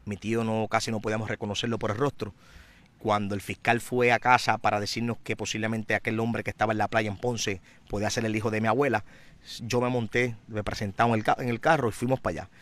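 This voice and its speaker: A man giving a personal testimony in an interview, a vivid, dramatic storyteller who grows louder and more intense. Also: on the low side, little pitch movement, fast talker.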